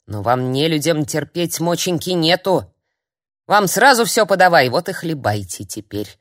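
A woman reading an audiobook, voicing a cantankerous, half-blind old hag who scolds and jeers in a high, strained voice. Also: very animated, no echo, studio quality. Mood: scornful. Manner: shrill, scolding, drawn-out jeers.

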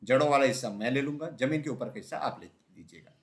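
A nervous yet crafty farmer, as a man puts him on, begging a bear politely in a children's audio story. His voice rises higher and softens into a coaxing plea. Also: fast talker, natural voice. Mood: pleading. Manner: pleading and coaxing. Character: timid, clever male farmer pleading.

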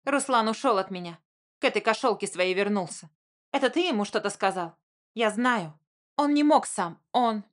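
Casting: woman voicing an enraged weepy young sister, shrill, audiobook. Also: lively intonation, moderate pace, close to an everyday voice. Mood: furious. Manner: shrill, sobbing outbursts.

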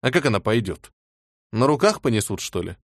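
A man giving scripted audiobook narration in an even storytelling manner. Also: medium pitch, a little fast, dry recording, clean studio sound.

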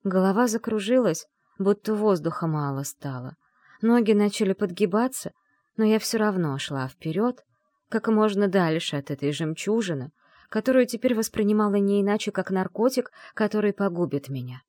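A woman narrating a first-person audiobook in a lively, expressive way. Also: medium pitch, moderate pace, no room sound, clean studio sound.

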